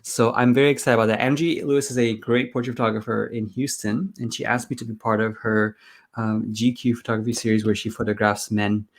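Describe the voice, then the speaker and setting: A man's voice: lowish voice, flat delivery, brisk. A man hosting a casual live-stream chat, teasing his co-host and reading out viewer questions. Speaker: host, photographer.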